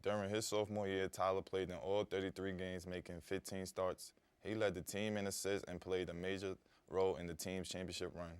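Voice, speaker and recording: A man's voice: low voice, flat delivery, a little fast, few pauses, smooth, no room sound. A man presenting a student feature in scripted narration. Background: faint music.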